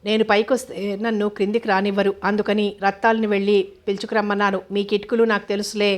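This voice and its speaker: A woman's voice: medium pitch, level tone, fast, lightly acted. Woman reading as a coy young newlywed wife. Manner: coy and spirited.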